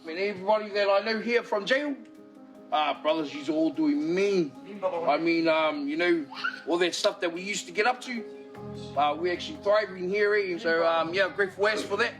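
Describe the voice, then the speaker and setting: A man's voice: high-pitched, moderate pace, over music, poor audio. A man with a New Zealand accent talking casually and off the cuff. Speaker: documentary participant. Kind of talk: casual unscripted talk.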